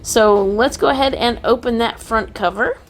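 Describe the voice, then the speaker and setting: A woman co-hosts a casual toy unboxing show, chatting enthusiastically as she points out details in this product show-and-tell. Her voice is on the high side at normal speed. Soft music plays behind her, with faint background noise.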